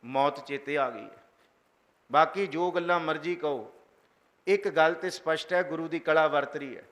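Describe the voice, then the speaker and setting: A man preaching a sermon, slowly reciting verses and then explaining them, leading the congregation in chanting. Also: fairly high pitch, a bit bright. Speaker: Sikh preacher giving scripture commentary.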